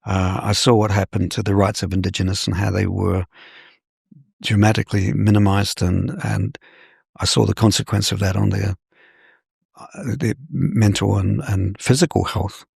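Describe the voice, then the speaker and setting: An older man from New Zealand answers as a scholar in an interview, measured and professorial. His low voice is gravelly and husky. The sound is dry and close. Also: steady tone, a little mellow, no room sound. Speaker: scholar guest.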